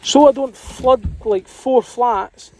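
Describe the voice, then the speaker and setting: A Scottish man with a noticeably high voice for a male speaker narrates as a working plumber. He talks informally and colloquially, with a self-deprecating streak, as if explaining a job to viewers. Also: slow pace, darkish tone, low-quality recording. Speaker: plumber and video host.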